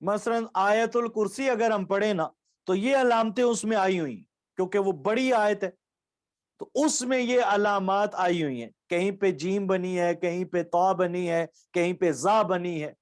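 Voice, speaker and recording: A man from Pakistan with a fairly high voice teaches Quranic recitation in an online lecture. He explains patiently, going over each rule again with simple examples. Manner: patient, repeats key points and examples.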